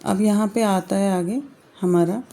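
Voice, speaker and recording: A woman lecturing on poetry with a gravelly, creaky edge to her voice. She keeps checking that her students follow, and she slows to a careful crawl whenever she dictates a definition. Her pitch sits in an ordinary middle range. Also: steady tone, dark tone. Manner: explains step by step with frequent checks like "thik hai"; addresses students fondly as "beta". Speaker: English literature teacher. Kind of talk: online lecture in Hindi mixed with English.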